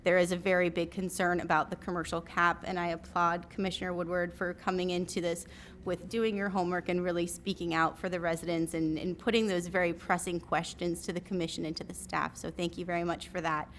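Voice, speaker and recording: Low-voiced woman giving earnest public comment. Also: flat delivery, slight background noise. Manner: measured and earnest, with some restarts. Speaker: public commenter at a county zoning hearing. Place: county commission chamber at a podium.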